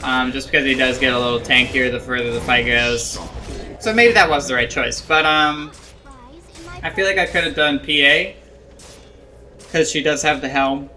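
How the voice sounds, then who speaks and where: A man's voice: mid-range voice, normal speed, pauses often, bright, forceful tone, soft background music. A young man giving casual, self-critical commentary over his own match footage, rambling with lots of ums and likes, drowsy and yawning. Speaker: gameplay analyst.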